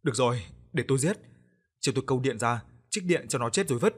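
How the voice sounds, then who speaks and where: A man's voice: mid-range voice, lively intonation, fast talker, husky. Brief: querulous grumbling wife, read by a male narrator, storybook telling. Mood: nagging. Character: nagging middle-aged wife.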